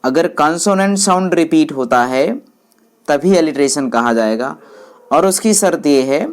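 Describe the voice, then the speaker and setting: A woman teaching English, explaining each point slowly and repeating English phrases in Hindi while speaking to viewers as friends. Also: low-pitched, expressive.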